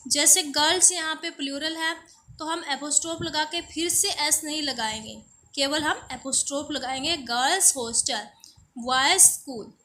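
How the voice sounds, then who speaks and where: A woman teaching a grammar lesson. She asks questions and then answers them herself, and she reads example phrases out slowly and deliberately. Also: high-pitched, sharp tone. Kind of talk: classroom-style grammar lesson.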